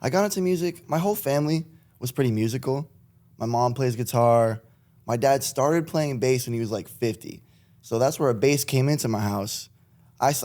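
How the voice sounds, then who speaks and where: A man's voice: mid-range voice, a little mellow. A young man from Connecticut, a rapper chatting as a podcast guest in a laid-back, rambling way with frequent laughs. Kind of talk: casual chat.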